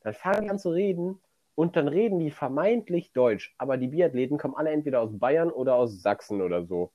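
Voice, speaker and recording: A man's voice: on the high side, expressive, brisk, dry recording, dull audio. A man with a light Rhineland German accent, chatting casually and rambling through stories as a podcast co-host. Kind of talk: casual chat.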